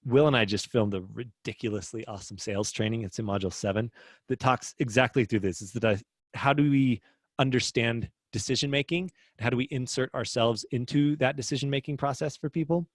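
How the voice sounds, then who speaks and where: A man's voice: medium pitch, a little fast, dry recording, studio quality. Upbeat male business coach on a livestream. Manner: chatty, upbeat, reads viewer comments aloud. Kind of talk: casual livestream teaching.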